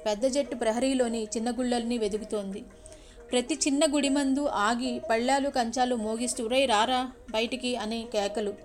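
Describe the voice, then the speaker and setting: Vivid high-voiced woman storyteller. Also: normal speed, darkish tone, soft background music. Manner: vivid, with sound words and direct address. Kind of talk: story narration with asides to listeners.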